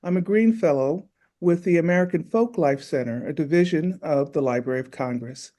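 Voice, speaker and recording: A male interviewer opens an oral history recording with a formal, courteous introduction. His voice is warm and mellow, and his delivery is measured. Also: on the high side. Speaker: interviewer, folklife fellow.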